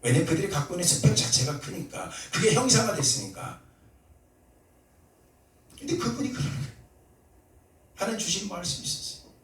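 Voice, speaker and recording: A male pastor preaching a sermon, telling a story and acting out prayers and dialogue, sometimes rising to loud, fervent cries. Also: high voice, big pitch swings, brisk, long pauses. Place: church sanctuary. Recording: echoey church hall, mic at a distance.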